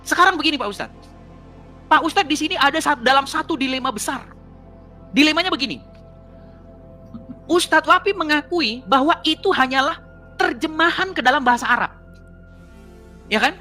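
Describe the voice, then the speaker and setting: A woman's voice: sits high, expressive, moderate pace, long pauses, sharp tone, faint music behind. A woman arguing in a heated debate, mocking her opponent and laughing as she presses her points.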